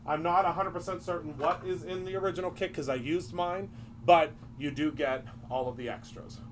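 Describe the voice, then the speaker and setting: A man's voice: on the high side, moderate pace, slight background noise. A man hosting a casual live craft stream, chatty and upbeat, greeting viewers by name as he shows products.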